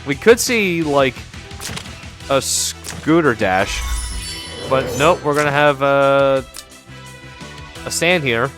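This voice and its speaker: A man casting a live online game tournament, with excitable, chatty and rambling play-by-play. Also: mid-range voice, takes it slowly, pauses often, faint music behind. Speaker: esports tournament caster.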